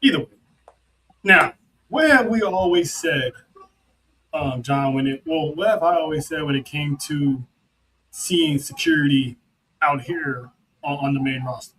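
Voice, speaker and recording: A man co-hosting a podcast in casual chat, animated and quick to repeat himself. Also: a little high, husky, rough recording. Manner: animated, repeats words, laughs. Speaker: podcast co-host. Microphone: remote call setup.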